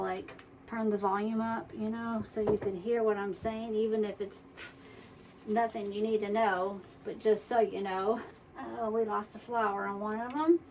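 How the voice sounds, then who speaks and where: A woman's voice: medium pitch, a little mellow. A woman, chatting casually through a crafting tutorial and muttering to herself as she works. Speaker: wreath-making tutorial host. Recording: distant mic, faint background noise.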